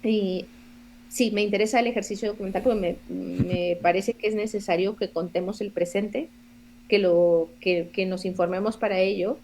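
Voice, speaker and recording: Colombian-born woman in her 40s, theatre director on a podcast, earnest and reflective, mid pitch, faint background noise. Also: steady tone, normal speed, a little mellow. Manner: reflective, earnest, searching for words. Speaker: guest, theatre director and playwright. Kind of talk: podcast interview conversation.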